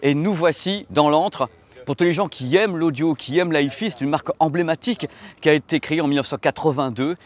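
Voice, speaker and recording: A man's voice: on the high side, quick pace. A man hosting a vlog on a factory tour, talking with joking enthusiasm and exclamations as he walks around. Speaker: video host. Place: walking indoors and outdoors at a factory.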